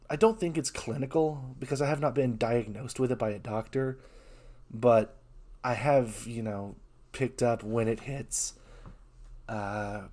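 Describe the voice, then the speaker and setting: A man talking openly in a casual vlog, his voice rough from being sick, earnest and halting, often restarting his sentences. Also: fairly low pitch, a little mellow. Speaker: VTuber.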